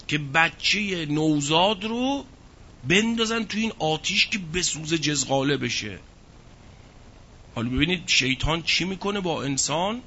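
A man giving a religious lecture who recites verses slowly and explains them with rhetorical questions. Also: on the high side, bright, forceful tone, slightly rough. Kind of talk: Quran exegesis lecture. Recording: dull lo-fi recording.

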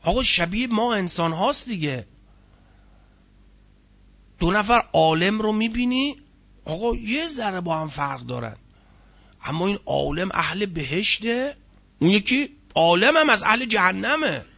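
With a high, sing-song, gravelly voice that is pushed and bright, this man takes long pauses on a lo-fi recording. Lecturing on the meaning of Quranic words, he explains every term, emphasizes key ones, and asks rhetorical questions.

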